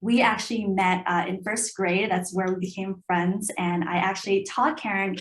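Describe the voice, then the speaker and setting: A woman who grew up in New York, telling a story in a lively way. Her voice sits at a middle pitch. The recording has a roomy echo. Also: moderate pace. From born in China, raised in New York. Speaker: company strategy lead. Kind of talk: panel interview storytelling. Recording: echoey room.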